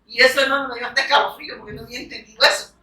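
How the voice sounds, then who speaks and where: A woman's voice: fairly high pitch, fairly even intonation, rapid-fire, sharp tone. A woman preaching a sermon to a congregation, speaking emphatically, urging her listeners to look closely and punctuating her points with amen. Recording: echoey room, voice picked up from a distance.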